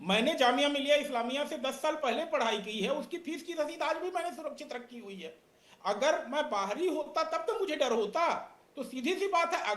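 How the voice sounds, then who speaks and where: Calm man journalist in an echoey room. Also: extremely high pitch. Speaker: senior journalist on a panel. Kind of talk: TV news debate.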